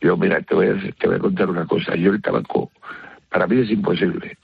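An older man from Spain with a gravelly smoker's rasp, chatting haltingly as a listener calling in to a radio show. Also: sits low, steady tone, no room sound. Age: older, early retired. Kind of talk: casual conversation, personal account. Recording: dull lo-fi call to radio.

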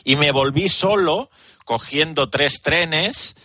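A man guesting on a radio show as a football commentator. His voice is bright and forward, recorded close and dry, and he talks in a measured way, often restarting his sentences. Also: on the high side, dry recording. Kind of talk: radio interview.

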